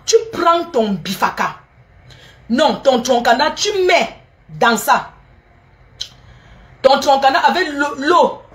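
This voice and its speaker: In a relaxed spoken recipe demonstration, a middle-aged woman addresses her viewers head-on, going over every step more than once while she teases and scolds them. She has a high, somewhat bright voice.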